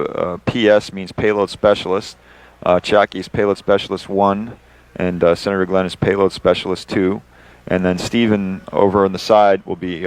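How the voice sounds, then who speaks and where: A deep-voiced man gives live explanatory commentary as an astronaut guest. He talks conversationally, walking the listener through each step. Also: clean tone.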